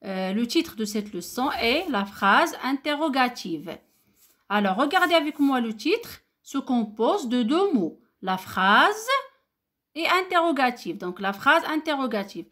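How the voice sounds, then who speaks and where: A woman's voice: sits high, sing-song, a bit bright. A woman with a Moroccan French accent teaching a grammar lesson to young pupils, patient and repetitive, lifting her voice on example questions. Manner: slow, patient, repeats key words, rising question intonation. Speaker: primary school teacher.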